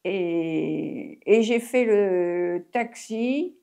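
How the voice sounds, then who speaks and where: Speaking very slowly with vocal fry, this woman has a medium-pitched, dark, expressive voice. A former taxi driver from France in her eighties, she tells her story in a chatty, meandering oral history interview, frequently restarting her sentences.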